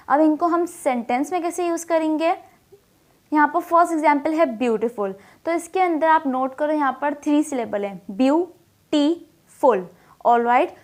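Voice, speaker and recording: Woman teacher, high voice, explains grammar step by step with self-answered questions. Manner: asks questions and answers them herself; reads English examples slowly and deliberately. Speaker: English teacher.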